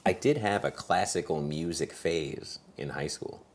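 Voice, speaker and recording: A young man co-hosts a casual chat, rambling and reflective as he searches for his words. His voice is very deep and low. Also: a little slow. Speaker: co-host.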